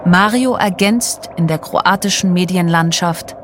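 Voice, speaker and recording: A woman playing the narrator of a surreal audio drama, speaking in a measured, deliberate way. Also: fairly low pitch, background noise, natural voice. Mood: matter-of-fact. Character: woman narrator recounting a surreal, tormented dreamlike journey.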